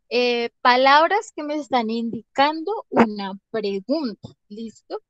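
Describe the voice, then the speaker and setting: A woman's voice: high-pitched, no echo. A woman teaching an English lesson in an online class, explaining patiently and checking often that her students follow. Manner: patient, checks understanding with frequent questions. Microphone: video call.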